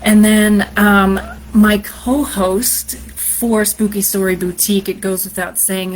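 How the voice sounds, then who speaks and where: A woman host and storyteller with a deep, sultry voice, chatting casually on a live stream in a rambling way. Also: slight background noise, rough recording. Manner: chatty and rambling, many fillers.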